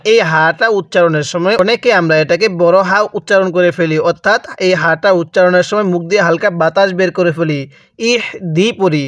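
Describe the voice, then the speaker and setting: A man with a Bangladeshi Bengali accent teaching Quran reading. He spells out each syllable slowly and has learners repeat after him. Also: high-pitched, fairly bright tone, no echo, clean studio sound. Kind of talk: spelling-out recitation lesson.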